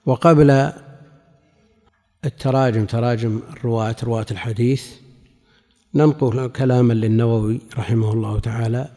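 A man teaching a religious lesson, explaining a classical commentary in a measured way, with pauses between phrases. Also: medium pitch, steady tone, mellow. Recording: long hall reverb.

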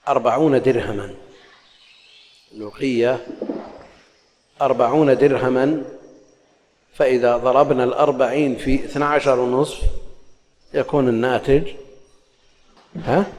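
A man's voice: mid-range voice, darkish tone. A man teaching a religious lesson, explaining texts and moving between formal recitation and colloquial asides. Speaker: Islamic scholar teaching hadith. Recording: long hall reverb.

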